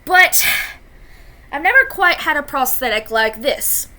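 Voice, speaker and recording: A woman's voice: high voice, expressive, measured pace, bright, forceful tone, full character voice. A woman voicing an elderly cartoon grandparent who tells long-winded, folksy stories. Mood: rambling.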